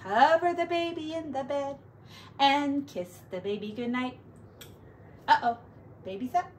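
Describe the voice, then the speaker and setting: Talking to young children, a female teacher uses a high, sing-song voice and a very slow, leisurely delivery. Her words are drawn out and expressive, broken by occasional hushed asides, and a little noise sits in the background.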